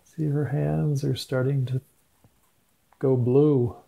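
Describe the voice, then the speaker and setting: An older man with a grandpa voice reading a picture book aloud and pausing to point things out to a child. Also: medium pitch, fairly even intonation, vocal fry, mellow. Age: 60s or older. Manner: grandpa voice, slow and deliberate with pauses to point things out. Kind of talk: storybook read-aloud with asides to a child.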